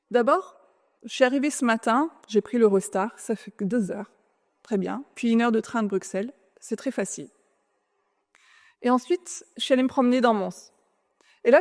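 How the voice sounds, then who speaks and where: A woman's voice: fairly high pitch, a little mellow. A woman from France giving a conference talk to an audience, friendly and a little hesitant, often putting questions to the room. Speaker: invited speaker. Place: large event hall. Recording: long reverb of a large hall.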